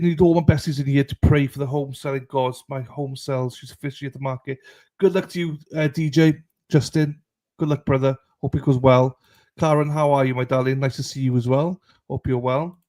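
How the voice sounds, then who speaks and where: Male livestream host, matey and irreverent, dark relaxed tone, casual chatty delivery. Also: mid-range voice. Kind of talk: casual chat with live stream viewers.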